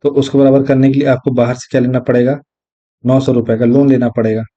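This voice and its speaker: Mellow-voiced man giving an exam lesson. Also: mid-range voice, level tone. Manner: explains step by step, repeating key terms; reads English definitions slowly. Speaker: exam tutor. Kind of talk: recorded lecture. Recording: dull lo-fi audio.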